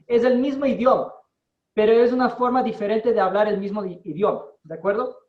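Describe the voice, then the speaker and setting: A man teaching an English class in Spanish, explaining slowly and deliberately and checking in with his students. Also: high voice, fairly even intonation. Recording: distant, roomy, dull-sounding.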